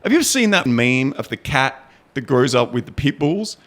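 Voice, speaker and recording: A man's voice: medium pitch, moderate pace. A man co-hosting a podcast, chatting casually and retelling a show scene with laughs and swearing. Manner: animated, swearing, laughing storyteller. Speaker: podcast co-host. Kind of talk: casual chat.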